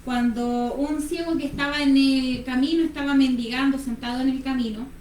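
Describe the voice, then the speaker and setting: A woman's voice: high-pitched, steady tone, normal speed, darkish tone, far from the mic, a little hiss or hum. Fervent woman preaching in an echoey room. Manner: fervent, dramatizes Bible scenes. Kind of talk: preaching on a radio-style program.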